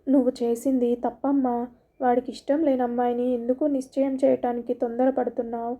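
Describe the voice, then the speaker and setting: A man's voice: extremely high pitch, flat delivery, fairly quick, mellow. A woman reading a story aloud, voicing a determined young man who insists firmly to his mother. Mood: insistent. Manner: firm, insistent pleading.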